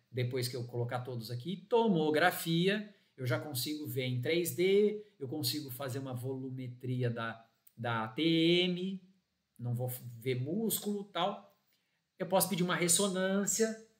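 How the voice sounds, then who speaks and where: A man, an orthodontist, giving a live lecture to an audience, lively and talking straight to the listeners, acting out bits of patient dialogue. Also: medium pitch. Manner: animated, acts out patient dialogue, addresses audience as "gente". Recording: echoey room.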